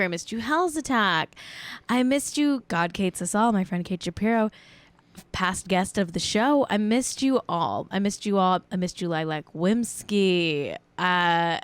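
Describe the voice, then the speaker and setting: Playful, lively woman hosting a stream. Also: mid-range voice, clean tone, dry recording. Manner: playful, riffing, animated jokes. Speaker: host. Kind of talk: casual comedic live-stream chat.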